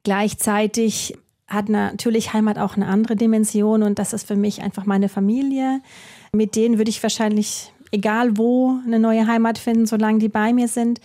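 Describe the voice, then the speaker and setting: A woman's voice: on the high side, level tone, normal speed, warm tone. A woman from Baden-Württemberg, an author answering interview questions thoughtfully, musing aloud with rhetorical questions.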